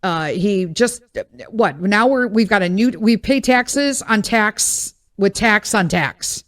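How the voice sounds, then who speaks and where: A woman's voice: mid-range voice, slow pace. A woman, hosting a podcast in a casual, rambling monologue full of blunt, exasperated asides. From Chicago, USA. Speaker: podcast host.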